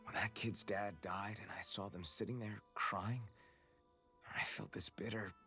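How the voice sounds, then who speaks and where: An actor playing an earnest, kind young soldier hero in a game, speaking gently and reflectively. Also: male voice, on the low side, steady tone, a little slow, faint music behind. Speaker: game character, young male swordsman. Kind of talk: game voice acting.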